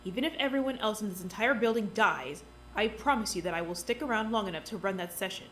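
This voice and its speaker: A woman voicing a scheming doctor in charge who talks in a smooth, patronizing, insistent way, in a fan audio drama. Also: medium pitch, lively intonation, quick pace, fairly bright tone, a little hiss or hum, close to an everyday voice, low-quality recording. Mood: coolly insistent.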